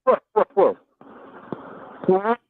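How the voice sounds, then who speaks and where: Guy calling in on a choppy phone line that keeps cutting out, high lively voice, tinny and dry, lots of stops and restarts. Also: no echo. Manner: halting, many restarts. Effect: breaking-up phone line, cutting out. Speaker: caller. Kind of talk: call-in radio talk.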